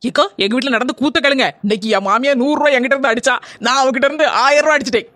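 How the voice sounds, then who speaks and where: A woman's voice: high-pitched, rapid-fire, fairly bright tone, no echo. A woman voicing a chatty young wife who complains about her mother-in-law, with a Kanyakumari Tamil accent. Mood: grumbling.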